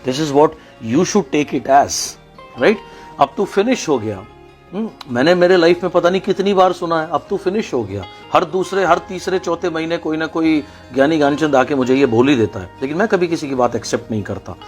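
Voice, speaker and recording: A man's voice: fairly high pitch, normal speed, faint music behind. A man giving a motivational speech, telling a fable emphatically and addressing listeners directly. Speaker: motivational speaker.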